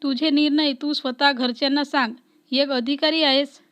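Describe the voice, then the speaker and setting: A woman's voice: sits high, steady tone, normal speed, fairly bright tone. Woman voicing a joking older brother. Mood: playful. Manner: mock-formal, playful.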